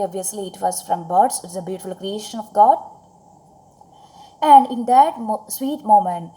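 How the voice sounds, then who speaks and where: A woman's voice: medium pitch, warm tone, poor audio. A woman with a Malayalam accent from Kerala, teaching English poetry to schoolchildren, reciting and explaining word by word in a didactic, repetitive way. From Kerala, India. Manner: didactic, repeats phrases and spells out words.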